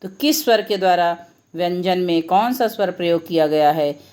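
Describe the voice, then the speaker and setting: A woman's voice: fairly low pitch, a little mellow. A woman teacher giving a lesson to children, reading example words out one by one. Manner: slow, deliberate word-by-word reading of examples. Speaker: Hindi teacher.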